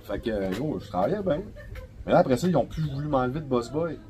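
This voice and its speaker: A young adult man with a Québécois French accent, a podcast guest telling stories in a slangy, profane, animated way. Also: medium pitch, fast, poor audio. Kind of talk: casual storytelling chat.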